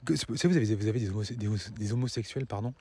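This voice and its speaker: A man's voice: on the low side, very fast, dark tone, slightly rough. A man giving a casual opinion monologue to viewers as a vlogger, rambling and stammering, swallowing words as he walks outdoors. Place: outdoors, walking, nearing a road.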